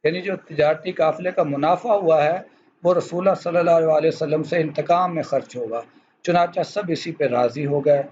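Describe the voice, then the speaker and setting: A man teaching a school class, explaining verses in a formal, measured way and addressing his students directly. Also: a little high, a little mellow. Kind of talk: recorded classroom lecture. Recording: dull lo-fi recording with faint noise.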